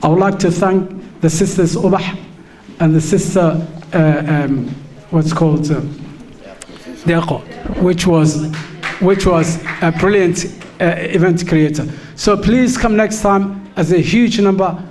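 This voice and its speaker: A man's voice: high voice, slow, darkish tone. A man with a Somali accent giving a fervent speech to a community gathering, mixing two languages and often restarting his sentences. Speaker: community speaker. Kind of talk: public speech at a community event.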